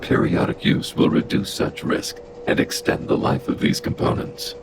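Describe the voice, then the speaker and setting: A male actor voices a huge, stern, logical robot boss in a video game, gravelly and impassive, delivering clipped, formal, computer-like phrases at normal speed with a light acting touch. Heavy background noise sits under the voice.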